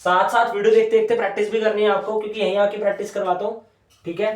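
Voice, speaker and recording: A man teaching shorthand at a whiteboard, stretching each word out slowly as he writes it, with said in a way inside his talk. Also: high-pitched, level tone. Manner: repeats each word slowly while writing. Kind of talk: whiteboard lesson. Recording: echoey room, mic at a distance.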